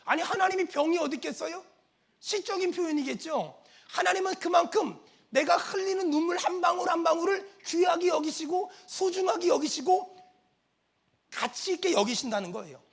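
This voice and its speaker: Man, pastor, very high voice, fervent sermon, repeating phrases, loud then hushed. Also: moderate pace, creaky. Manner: impassioned, rhythmic repetition of phrases; swings between loud outbursts and soft low asides.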